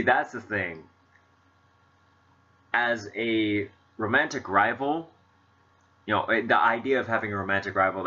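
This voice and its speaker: This let's play host talks in a deep, pushed, bright voice, though the audio sounds dull. Congested and stuffy-nosed, he rambles in a chatty, filler-heavy way while casually commenting on a game he's playing.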